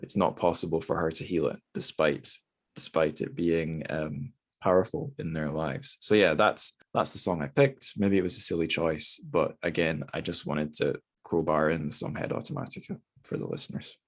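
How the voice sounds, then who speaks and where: A man's voice: very deep voice, moderate pace. A man hosting a podcast, chatting casually about literature in a rambling, self-deprecating way. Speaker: podcast host.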